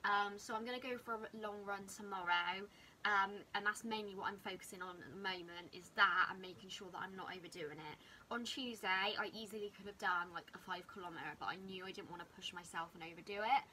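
A woman's voice: mid-range voice, a little fast, bright, forceful tone, a little hiss or hum, rough recording. A woman, vlogging casually to camera indoors in an informal way, repeating words for emphasis. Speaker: running vlogger. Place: living room indoors.

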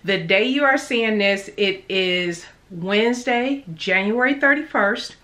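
A woman's voice: medium pitch, takes it slowly, sharp tone. A middle-aged woman hosting a casual vlog, talking with a numb, swollen mouth from the dentist that slightly blurs her words. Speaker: sewing channel host. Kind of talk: casual chatty vlog to camera. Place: small indoor room at home.

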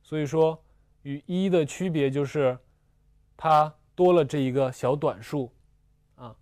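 A man teaching a language lesson, slowly explaining spelling and pronunciation with patient repetition and small fillers. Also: a little high, darkish tone, dry recording, clean studio sound. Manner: slow and patient, repeats syllables twice, fillers like "啊" and "呃". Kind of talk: slow, deliberate classroom explanation.

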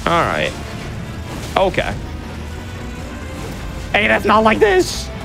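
This live speedrunner's high-pitched, creaky voice swoops wildly in pitch as he talks slowly. He comments casually, making jokes and exaggerating his own shortcomings. Game music and sound effects run underneath.

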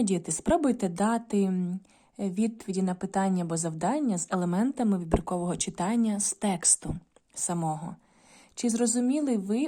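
A woman's voice: medium pitch, dark tone. A woman teaching a video lesson to primary school children, patient and instructive, often addressing them directly.

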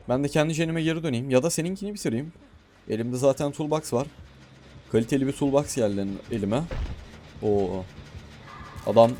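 A man commentating his own gameplay in a casual, excitable way, often shouting and talking to himself. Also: medium pitch. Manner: excitable, shouts and talks to himself while playing. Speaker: gaming streamer.

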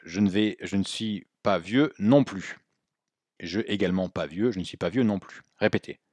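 Male language teacher, low-pitched, patient and casual, dry close-miked sound. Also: darkish tone, husky, no room sound. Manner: explains patiently, repeats Chinese words slowly; casual, self-correcting with fillers. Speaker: Mandarin teacher. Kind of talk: spoken language lesson.

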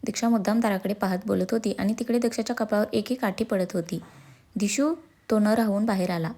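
Mellow-voiced woman narrating a story. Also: medium pitch, fairly even intonation, quick pace.

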